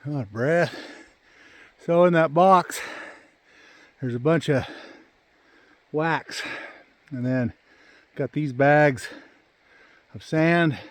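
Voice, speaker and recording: A man's voice: on the high side, drawn-out words, long pauses, no room sound. A man casually explaining a do-it-yourself job in a folksy, joking way. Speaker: trapper showing his work. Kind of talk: casual how-to vlog. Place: workshop or shed with a cement mixer. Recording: noisy background.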